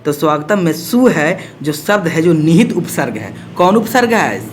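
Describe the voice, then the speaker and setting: A man's voice: fairly high pitch, lively intonation, moderate pace, slight background noise. Man, teacher, playful, drills answers, voices students' questions. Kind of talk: exam-prep lesson to camera.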